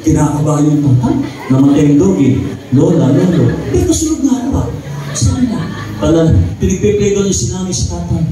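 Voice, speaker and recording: A man's voice: high voice, expressive, fairly quick, music in the background. A male pastor preaching and telling a funny story, often checking in with the congregation. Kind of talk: sermon with a humorous story. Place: church sanctuary. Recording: echoey church, voice picked up from a distance.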